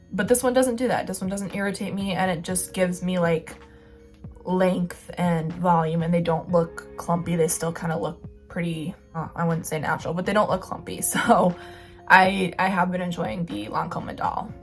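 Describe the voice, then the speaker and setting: Chatty young woman with a lower voice. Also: steady tone, soft background music. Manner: chatty, many "like" fillers, quick and rambling. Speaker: beauty vlogger. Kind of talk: casual product review.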